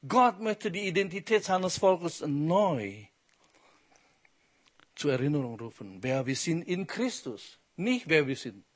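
A man's voice: fairly high pitch, sing-song, slow, husky. A man preaching a sermon with emphasis, asking the congregation questions as he goes.

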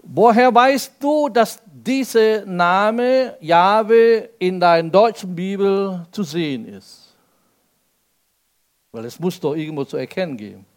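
A male preacher giving a sermon, explaining step by step with rhetorical questions and swinging between loud emphasis and soft, low asides. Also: lively intonation, slow.

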